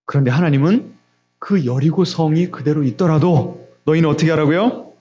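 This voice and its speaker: On a muffled recording, a middle-aged man with a slightly high, mellow voice delivers a sermon at a moderate pace. Preaching in a church sanctuary that's also broadcast over video call, he pushes his congregation with repeated questions and emphatic rises.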